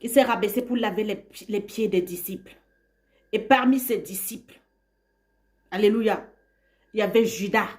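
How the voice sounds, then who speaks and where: A woman's voice: medium pitch, normal speed, long pauses, a little mellow. A woman singing worship refrains and preaching with fervent emotion and repeated invocations.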